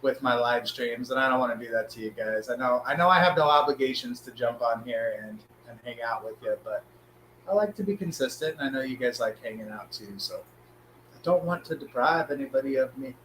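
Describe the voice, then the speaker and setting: A man hosts a casual live stream in a hoarse, sick voice with a smoker's rasp. He chats informally at a middle pitch. The room is clearly echoey, with a faint hum behind him. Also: expressive, brisk, fairly bright tone.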